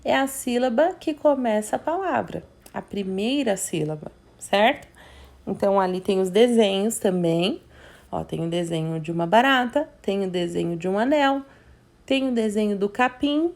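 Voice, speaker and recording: A woman teacher, guiding young children through a worksheet. She speaks slowly and patiently in a mid-pitched voice and breaks words into syllables. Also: a little mellow. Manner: slow, patient, sounding out syllables. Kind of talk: remote literacy lesson for young children.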